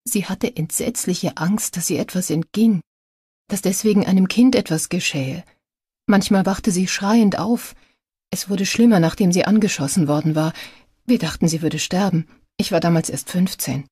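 A woman voicing a grieving adult daughter. She talks earnestly, with strain under the words. The voice is low and husky, and it sounds dry. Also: normal speed, dark tone, no echo.

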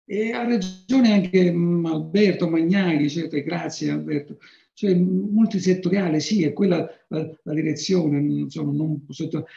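Man in his sixties, emphatic lecturer, creaky voice, roomy video-call sound. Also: on the high side, normal speed, dark tone, lo-fi sound. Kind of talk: informal academic lecture discussion. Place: book-lined home study, video call. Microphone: video call microphone.

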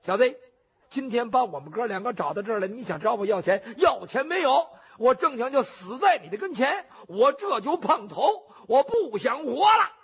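A man's voice: very high-pitched, big pitch swings, moderate pace, fairly bright tone, breathy edge, voice pushed up, full character voice. Cheng Yaojin, blustering bandit hero, by a male storyteller. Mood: defiant. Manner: blustering, defiant, bossy. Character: brash swaggering bandit hero, adult man. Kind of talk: traditional storytelling, character voice. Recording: dull lo-fi recording.

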